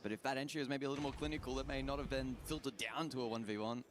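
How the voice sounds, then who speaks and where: Calm guy doing esports analysis, mid voice, stats and breakdowns. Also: medium pitch, very fast, background noise. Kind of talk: measured color commentary.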